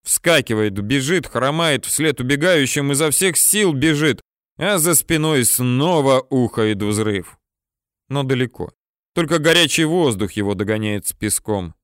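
A man narrates a novel as an audiobook in a steady, mid-pitched voice. He builds tension at dramatic moments. The sound is dry and close, with no room echo. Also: measured pace, smooth.

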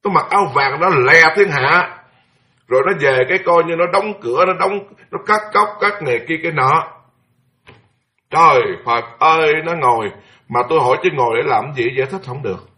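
A man, a Buddhist monk giving a sermon as a lively personal story, full of exclamations. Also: fairly high pitch, normal speed. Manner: animated, exclaiming, mimics chanting for effect. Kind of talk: sermon told as personal anecdote.

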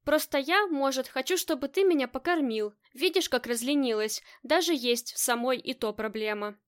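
A woman's voice: high-pitched, moderate pace, lightly acted. A woman voicing a tough female gang boss in an audiobook, speaking dryly with mock sternness. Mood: wry.

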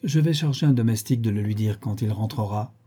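A man voicing an effusive, teasing French theatre director in a storybook reading, pitched above his narrating voice. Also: fairly quick, dark tone, breathy edge. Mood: jovial. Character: jovial, talkative middle-aged French theatre director.

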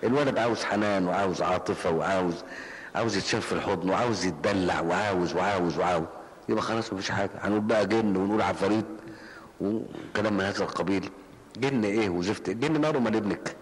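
Low-voiced and quick, an older Egyptian preacher answers questions in a mosque hall, telling stories in everyday language and repeating phrases for emphasis. The low-quality recording has a long reverb tail and a little hiss or hum.

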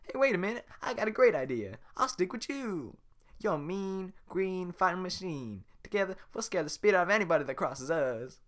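A man voicing a hyper talkative, boastful male donkey in a fan reading of a cartoon script, with fast, excitable chatter. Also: high-pitched, voice pushed up. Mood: excited.

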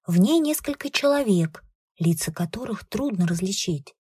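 A woman reads a tense adventure aloud with a husky, breathy voice. Her telling is dramatic and measured, recorded close and dry. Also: medium pitch, animated, mellow, dry recording. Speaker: audiobook narrator. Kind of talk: scripted narration.

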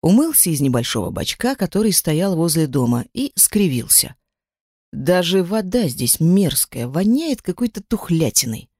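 A dramatic first-person audiobook narration, the reader's pitch swinging widely as the story is told. The sound is dry and close, with no room echo at all. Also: very animated, normal speed, mellow.

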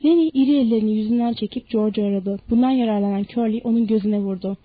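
A woman narrating an audiobook in a steady, measured reading. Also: fairly high pitch, no room sound, narrow, tinny audio.

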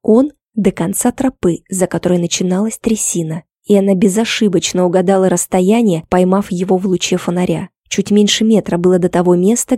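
Woman narrator, audiobook reading, mellow dark tone, dry close sound. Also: lowish voice, no echo. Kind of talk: scripted narration.

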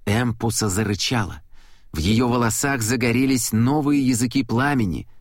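A man narrating an audiobook in a steady, measured reading voice. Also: mid-range voice, dry recording, clean studio sound.

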